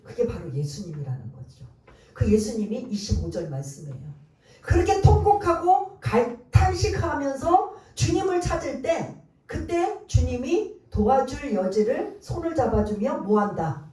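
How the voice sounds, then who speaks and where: Heard from a distance in a very echoey church hall, a woman pastor delivers her sermon in a medium-pitched, sing-song, dark voice at a normal speed. She presses her points emphatically and keeps putting rhetorical questions to her congregation in the sanctuary.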